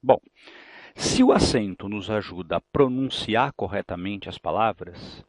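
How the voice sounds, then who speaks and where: A man's voice: fairly low pitch, lively intonation, a little slow, no echo. A Brazilian Portuguese-accented man teaching a grammar lesson for exam prep, explaining patiently and asking rhetorical questions. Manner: explanatory, asks rhetorical questions, repeats key points.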